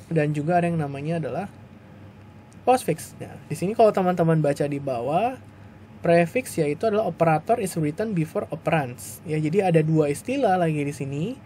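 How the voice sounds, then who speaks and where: A man teaching a class on video in a slightly high voice. He walks through each step patiently, repeating himself and padding his sentences with soft fillers. A faint hiss runs under the recording. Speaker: lecturer. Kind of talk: recorded lecture explaining to students.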